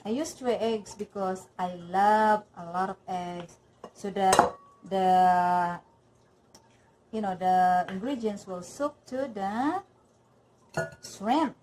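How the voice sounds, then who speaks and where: Cooking at home on camera, a Filipino-accented woman from the Philippines chats through each step, saying "okay" between them again and again. Her mid-range voice is slow and often pauses, and background noise is noticeable.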